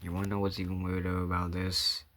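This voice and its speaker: A man giving casual commentary as he reads messages aloud in deadpan, puzzled disbelief. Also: low-pitched, quick pace. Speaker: gamer reacting to messages. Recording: faint background noise with clicks.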